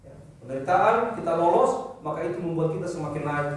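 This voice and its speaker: A man preaching a sermon as pastor, animated, acting out little dialogues and repeating phrases for emphasis. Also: a little high, a little fast. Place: church hall. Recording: very echoey church hall, mic at distance.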